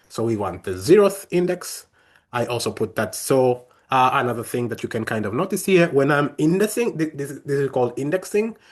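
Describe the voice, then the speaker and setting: A young man leading a coding workshop, explaining each step in a friendly way with many fillers and restarts. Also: mid-range voice. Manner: friendly, talks through steps with frequent fillers and restarts. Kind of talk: live coding tutorial.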